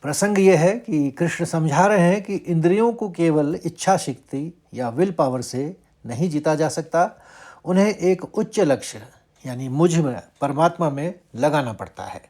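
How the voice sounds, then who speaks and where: A man teaching Sanskrit verse recitation, chanting each line slowly and higher before explaining it word by word. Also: animated, a little mellow. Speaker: Gita teacher. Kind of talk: slow Sanskrit recitation lesson.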